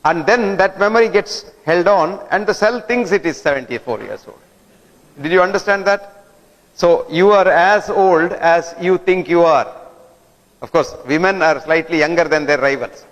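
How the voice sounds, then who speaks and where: A man's voice: sits high, normal speed, a bit bright. A man giving a didactic lecture, often throwing rhetorical questions at the audience. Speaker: guest lecturer. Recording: long hall reverb.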